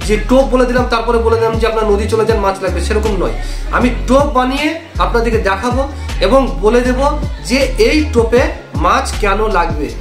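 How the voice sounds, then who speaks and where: A man's voice: very high voice, a little fast. A young man with a West Bengal Bengali accent, host of a fishing channel, explaining a bait recipe step by step in an earnest, repetitive way. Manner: repetitive, earnest instructional talk. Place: small indoor room. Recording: echoey room with background music.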